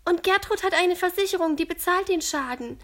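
A woman's voice: extremely high pitch, voice pushed up. Eager young girl detective, as a woman puts her on. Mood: excited. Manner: excited, fast.

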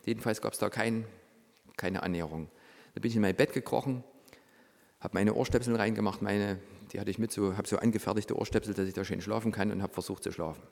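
A middle-aged man with a low voice tells his story with lively energy. He slips into a hushed tone whenever he acts out the dialogue. The sound carries a long, lingering reverb. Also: quick pace, creaky. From Saxony, Germany. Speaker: former reality show participant. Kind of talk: personal storytelling.

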